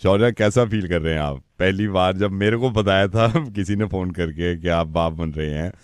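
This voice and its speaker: A male radio host running a prank call, talking calmly and patiently in a soothing, reassuring way. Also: deep voice, moderate pace, clean tone, no echo, clean studio sound. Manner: calm, patient, then laughing and teasing.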